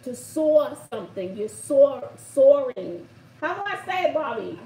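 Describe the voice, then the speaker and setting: A woman's voice: high voice, big pitch swings, fairly quick, darkish tone, distant mic. A middle-aged woman with a Brooklyn accent hosting a casual live word game, playful and emphatic as she repeats phrases. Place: indoor home room by shuttered window. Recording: roomy echo, faint background noise.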